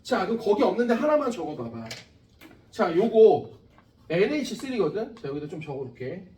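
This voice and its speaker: Lively high-voiced man teaching class. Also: brisk, roomy sound, distant mic, slight background noise. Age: 40s. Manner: lively, chatty, asks students questions. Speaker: science teacher. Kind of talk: classroom lecture.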